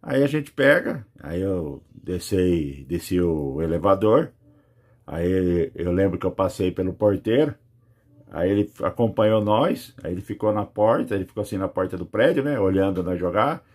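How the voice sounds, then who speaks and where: Low-voiced and slightly rough with a darkish tone, this Brazilian father recounts his near-death experience at normal speed with lively intonation. His Brazilian Portuguese-accented testimony rambles and is full of fillers.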